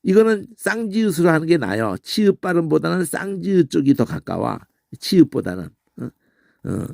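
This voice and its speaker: A middle-aged man giving an informal pronunciation lesson, demonstrating sounds aloud and checking in with quick questioning grunts. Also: on the high side, very animated, gravelly, a little mellow, dry recording, clean studio sound. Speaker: Bible language teacher.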